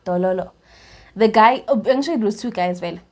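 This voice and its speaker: A young South African woman with a South African accent, telling a personal story in a storytime vlog, animated and laughing often between restarts. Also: medium pitch, a little fast. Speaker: YouTuber.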